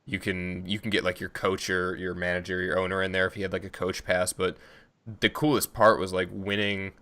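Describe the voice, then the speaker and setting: A young man with a very low voice tells gaming stories in a loose, rambling way on a podcast. His tone is bright and forceful. It sounds like easy chat between friends at a desk mic. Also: flat delivery, brisk. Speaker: podcast co-host, competitive gamer. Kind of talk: casual chat.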